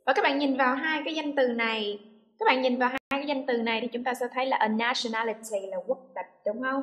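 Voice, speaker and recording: Female teacher, a bit high-pitched, patient and methodical, models sounds for learners to repeat. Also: a bit bright. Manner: patient, checks understanding with repeated questions; drawn-out demonstration sounds, models words slowly. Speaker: English teacher. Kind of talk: classroom lesson explaining pronunciation.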